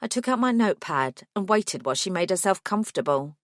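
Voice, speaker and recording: Woman reading a novel, dry close booth sound, even wry delivery. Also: mid-range voice, fairly quick, no echo. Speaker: audiobook narrator. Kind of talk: first-person audiobook narration.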